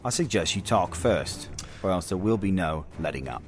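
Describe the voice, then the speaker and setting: A man's voice: deep voice, expressive, normal speed, faint music behind. A man playing a tabletop role-playing game, speaking in character in a menacing, threatening way. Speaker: player.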